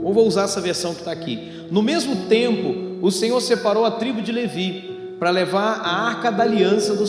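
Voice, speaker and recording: This male Brazilian preacher has a high voice and gives a didactic evangelical sermon, telling stories, reading Scripture, asking rhetorical questions, and speaking straight to the congregation. He's amplified through a sound system in a church hall, where long reverb fills the room and music is clearly audible behind him.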